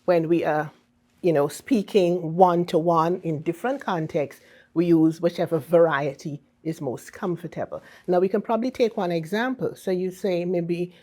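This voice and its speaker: Speaking in a lowish, slightly mellow voice, this Vincentian woman is an ambassador being interviewed. She explains with an emphatic, teacherly manner and keeps tagging her points with "right?" and "okay?".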